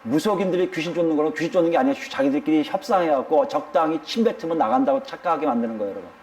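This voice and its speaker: A man's voice: fairly high pitch, expressive, very fast, a little mellow. A male pastor preaching a sermon, speaking emphatically and addressing the congregation directly.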